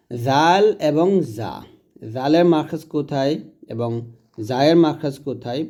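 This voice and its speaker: A man teaching Quranic letter pronunciation in a patient, repetitive way, drawing out each sound slowly to demonstrate it. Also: mid-range voice, dark tone. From Bangladesh. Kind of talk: recitation lesson.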